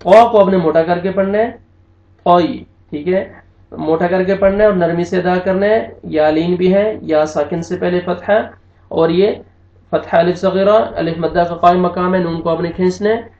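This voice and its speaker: A man's voice: high-pitched, steady tone, moderate pace, darkish tone. A man teaching a Quran recitation lesson, patiently explaining pronunciation rules step by step and spelling out each word. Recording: dull lo-fi sound, roomy echo.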